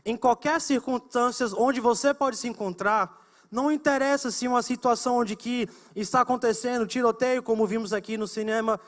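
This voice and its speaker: A young man preaching to a youth service, telling a story with lively, acted-out voices. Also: extremely high pitch, normal speed. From United States. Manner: animated storytelling, acting out shouting and whispered prayers.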